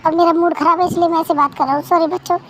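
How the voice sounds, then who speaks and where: A woman reading a fan story voices a gruff middle-aged father, short-tempered and curt, though in a very high voice close to her own. The storybook dad sounds grumpy and dismissive. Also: fairly even intonation, rapid-fire, a little hiss or hum, low-quality recording. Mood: irritable. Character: rude, moody father, middle-aged man.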